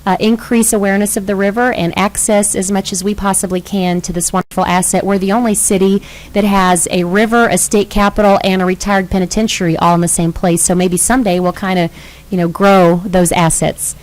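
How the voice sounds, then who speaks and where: A middle-aged woman runs a council meeting with gracious, measured phrasing and a welcoming tone. Her voice sits at an ordinary middle pitch, and she speaks at a steady, deliberate pace. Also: poor audio. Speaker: meeting chair, mayor. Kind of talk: formal meeting chairing. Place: city council chamber.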